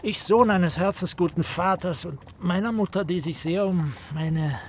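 A man's voice: high-pitched, moderate pace, a little hiss or hum. An actor playing a pompous writer who tells stories of his boyhood in an ornate, theatrical way. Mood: wistful. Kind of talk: radio play acting.

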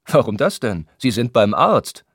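A man voicing a brusque, impatient spa doctor who talks down to his patient in a gruff, scolding way. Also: medium pitch, big pitch swings, a little slow, no room sound, studio quality.

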